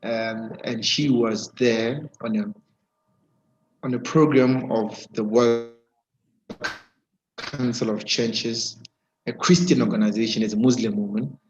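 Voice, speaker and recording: A man hosting a live webinar interview over an online video call with a weak connection, talking haltingly with many fillers and restarts. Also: medium pitch, steady tone, darkish tone, slight background noise. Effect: heard over an online video call with a weak connection. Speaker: webinar host. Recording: dull, muffled video call audio.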